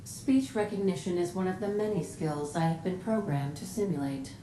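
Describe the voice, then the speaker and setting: A woman voicing a calm ship computer, low and mellow. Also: normal speed, natural voice. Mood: calm formal. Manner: polite, precise, formal. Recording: roomy echo, faint rumble.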